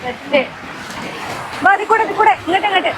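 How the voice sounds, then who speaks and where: A woman's voice: lively intonation, a little fast, crowd noise. A woman casually vlogging, exclamatory and mixing English words into her Malayalam. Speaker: travel vlogger. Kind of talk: casual spoken vlog commentary. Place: mostly outdoors on a trek. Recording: noisy outdoor recording with vehicle-like rumble.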